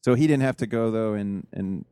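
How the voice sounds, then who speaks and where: A curious male host interviews his guest and keeps coming back with follow-up questions. His voice is fairly low and warm, even mellow. It is recorded dry and close to the mic. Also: normal speed, clean tone, dry recording. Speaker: podcast host. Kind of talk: casual interview.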